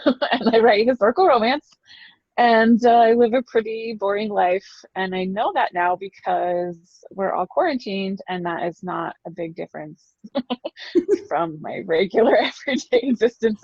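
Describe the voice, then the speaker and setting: A woman author chats as a podcast guest, her voice gravelly with fry. She laughs easily and hesitates with ums. The sound is dry and a little muffled. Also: medium pitch, normal speed, no room sound. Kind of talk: casual interview chat.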